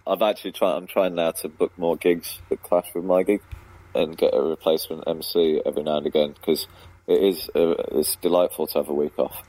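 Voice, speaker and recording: A man's voice: very deep voice, steady tone, a little fast, mellow, low-quality recording. A man, a comedy club promoter and compere, chatting as a guest on radio in a rambling way, laughing often and filling with ums. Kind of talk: casual radio chat. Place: radio studio.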